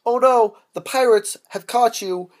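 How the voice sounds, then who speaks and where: A man's voice: fairly high pitch, lively intonation, brisk, a little mellow, breathy edge. A man voicing a panicky young male movie hero, squealing melodramatically. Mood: panicked.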